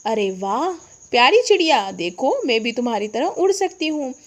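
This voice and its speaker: A woman reading the part of a cheerful young schoolgirl who can fly, speaking eagerly with exclamations, in a high voice. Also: very animated, normal speed. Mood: excited.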